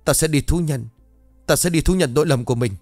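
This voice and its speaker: A man's voice: fairly high pitch, quick pace, darkish tone, dry recording, soft background music, pitched above the performer's own voice. A man voicing a guilt-ridden young man who stammers and pleads. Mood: panicked.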